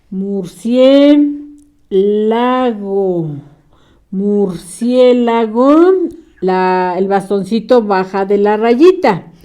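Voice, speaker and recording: A woman teacher dictating sentences to young children word by word, pausing patiently and encouraging them as they write. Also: fairly high pitch, darkish tone, smooth. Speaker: primary school teacher.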